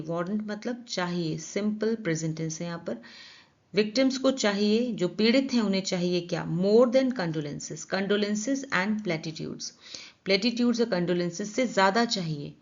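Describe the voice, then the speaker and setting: Indian woman teaching English slowly. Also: medium pitch, animated, a little mellow, muffled recording. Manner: reads English lines slowly, then explains in Hindi. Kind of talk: explaining a newspaper editorial.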